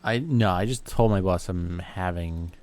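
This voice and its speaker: Male co-host, deep voice, dry and short-spoken. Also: unhurried, darkish tone. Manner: dry, brief replies. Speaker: podcast co-host. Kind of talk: casual chat.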